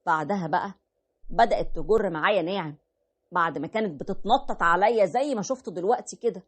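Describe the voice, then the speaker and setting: A woman with an Egyptian accent, telling a first-person story in a brisk, aggrieved way. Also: lowish voice, husky.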